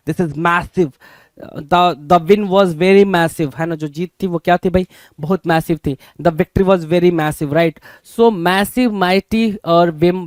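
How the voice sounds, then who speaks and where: High-voiced teacher, dry close sound. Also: male voice, darkish tone, no echo. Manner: repeats questions to the class, addresses viewers as bhai. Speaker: vocabulary teacher. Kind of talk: Hinglish exam-prep lesson.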